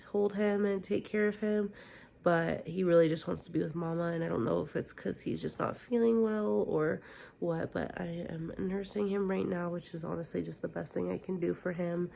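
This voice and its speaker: A tired young woman, a new mother with a cold, talking candidly and softly in a casual home vlog. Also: lowish voice, steady tone, moderate pace, gravelly. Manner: tired, candid, soft-spoken. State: stuffy from a cold. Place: home, indoors.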